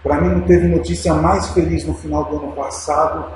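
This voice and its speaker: A man with a Brazilian Portuguese accent preaching a Sunday sermon, emphatic and swinging from quiet to loud, calling his listeners brothers and dear ones. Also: a little high, fairly even intonation, brisk. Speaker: pastor. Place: church sanctuary. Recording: very echoey church with noise.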